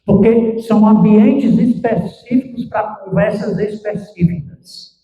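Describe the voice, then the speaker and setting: A man's voice: high voice, a little slow, noisy background. A man preaching as a pastor, with emphatic swings in his delivery. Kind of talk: sermon. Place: church sanctuary. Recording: echoey church, distant mic, muffled.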